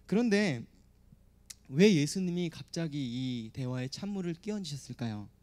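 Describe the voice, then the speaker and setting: A man delivering a sermon to a youth gathering, his fairly high voice rising and falling a great deal. His tone is mellow and soft-edged. He makes his points through everyday stories and rhetorical questions. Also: animated, moderate pace. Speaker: youth preacher.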